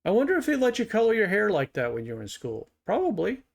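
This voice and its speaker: A middle-aged man hosts a reaction video with a notably high voice. He fires back at clips in a sarcastic, heated tone, mocking as he argues. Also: huge pitch swings, quick pace, gravelly. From United States. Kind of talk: reaction commentary.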